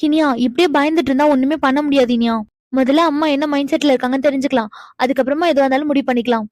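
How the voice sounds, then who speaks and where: A woman voices a nervous young woman in a cartoon who trips over her words and keeps pleading. Her voice is very high and quick, and it sounds dry, close and studio-clean. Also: fairly even intonation, a little mellow, no echo, lightly acted. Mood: urging. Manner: stammering, jittery, pleading. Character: flustered young woman Preethi, nervous and stammering. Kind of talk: animated cartoon dialogue.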